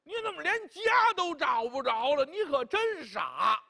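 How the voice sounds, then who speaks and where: A male storyteller voicing a simple-minded, blunt, impatient younger brother in loud, drawn-out demands. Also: very high voice, sing-song, creaky, heavily acted. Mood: impatient, nagging.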